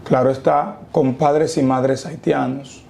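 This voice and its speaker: In a testimony interview, a man from the Dominican Republic speaks with a Dominican Spanish accent and a mellow, gravelly, mid-range voice held in a steady tone. His manner is preacherly: he quotes scripture and leaves slow, emphatic pauses.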